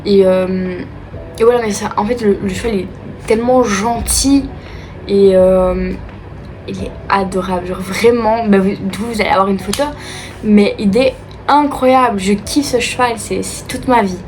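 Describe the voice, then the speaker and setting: A woman's voice: mid-range voice, measured pace, a little mellow, a little hiss or hum. A young woman from Liège with a Belgian French accent, casually answering viewer questions in a chatty, upbeat way, full of fillers. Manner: chatty and upbeat, many fillers like euh and du coup. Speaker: vlogger. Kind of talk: casual Q&A chat.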